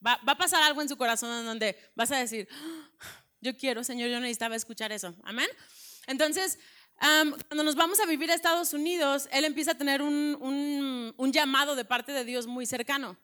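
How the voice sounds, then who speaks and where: A woman's voice: high voice, fairly quick, bright, forceful tone. A woman pastor in her thirties with a Mexican Spanish accent, sharing her testimony in an earnest, conversational sermon with frequent restarts. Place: church breakfast event.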